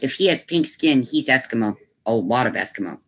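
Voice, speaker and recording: A chatty woman with a low voice hosts a relaxed craft livestream from home. She talks easily with viewers and lapses into doting baby talk with her pets. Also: a little fast, husky. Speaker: craft channel host. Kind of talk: casual livestream chat.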